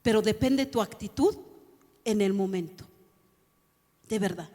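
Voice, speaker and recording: A woman's voice: medium pitch, measured pace, warm tone, long reverb tail. A woman pastor preaching a sermon, addressing the congregation and asking them rhetorical questions. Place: church hall.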